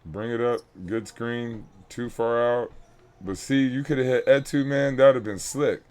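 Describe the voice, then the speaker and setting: A man's voice: mid-range voice, steady tone, normal speed, darkish tone, clean tone. A man coaching a youth basketball team, breaking down game film for his players in a blunt, instructive way and repeating key points.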